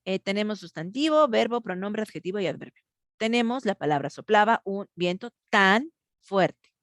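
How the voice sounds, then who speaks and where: A woman with a mid-range, lively voice teaches grammar online, moving at a moderate pace. She patiently explains each step over a video call and asks her students for answers. The recording is dry and studio quality.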